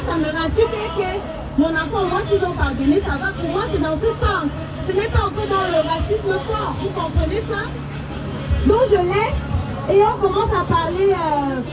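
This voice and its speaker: A woman, a mother giving a personal account with halting restarts and bits of acted-out dialogue. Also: very high-pitched. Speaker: mother telling what happened to her daughter. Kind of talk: emotional personal testimony.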